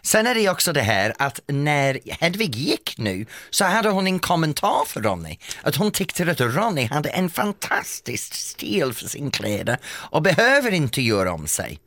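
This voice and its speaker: A male radio host talking in a playful, chatty way, poking fun at himself. His pitch moves a lot and the studio sound is dry and close. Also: big pitch swings, bright, forceful tone, no echo. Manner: playful, chatty, self-mocking. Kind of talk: casual radio chat.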